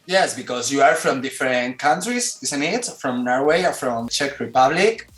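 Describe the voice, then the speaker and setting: Halting Spanish-accented male interviewer. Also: mid-range voice, expressive, a bit bright, roomy sound, faint music behind, rough recording. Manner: careful, slightly halting English. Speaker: interviewer, channel host. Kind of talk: formal interview questions.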